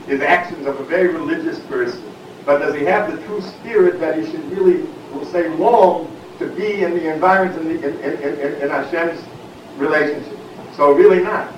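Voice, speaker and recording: Guy giving a torah class, kinda high voice, lots of rhetorical questions, far off mic in a boomy room. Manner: explanatory, rhetorical questions, frequent "we'll say" and "I mean". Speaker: Torah teacher. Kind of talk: Torah lecture on Psalms. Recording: echoey, distant, dull and noisy.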